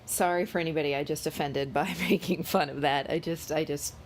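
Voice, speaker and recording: Woman, deep-set pitch, faint background noise, low-energy halting talk, coming down with a cold, casual spiritual vlog. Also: steady tone. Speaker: host of a daily tarot reading.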